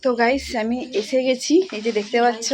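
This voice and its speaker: A woman's voice: fairly high pitch, steady tone, brisk. A woman vlogging casually and talking straight to her viewers, filming on a handheld camera at home and outdoors at a temple. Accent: Bengali. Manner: chatty, talks straight to viewers. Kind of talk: casual vlog narration. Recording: noisy outdoor sound, rain and traffic.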